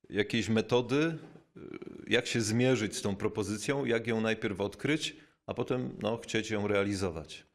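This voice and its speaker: A man, a bishop, giving a reflective spiritual talk, thoughtful and unhurried, with frequent pauses and fillers, slowing down to stress key words. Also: lowish voice. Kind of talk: reflective spoken teaching.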